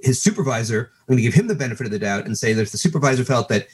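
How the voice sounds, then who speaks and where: A man's voice: mid-range voice, lively intonation, very fast, slightly rough. A man who is a professor, giving thoughtful commentary as a guest on a talk show. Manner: thoughtful, analytical.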